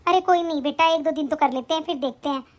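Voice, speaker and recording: A woman plays a middle-aged mother-in-law in an animated family story, scolding and scornful. The voice sits very high, almost childlike, and her lines come as commands. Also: quick pace, close to an everyday voice. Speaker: voice actor in an animated family drama.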